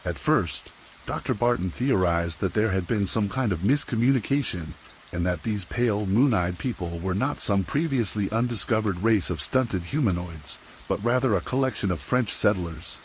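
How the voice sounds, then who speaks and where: A man narrating a scripted horror story for sleep in a measured, serious, documentary-like way. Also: on the low side, a little hiss or hum, poor audio. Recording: steady rain sound behind voice. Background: rain.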